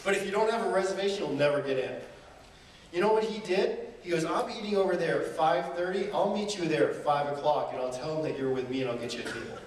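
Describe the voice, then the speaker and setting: This motivational speaker's voice sits on the high side and moves fast as he tells stories and poses rhetorical questions to a live seminar audience with plenty of energy. The event hall recording is distant and echoey, with faint noise.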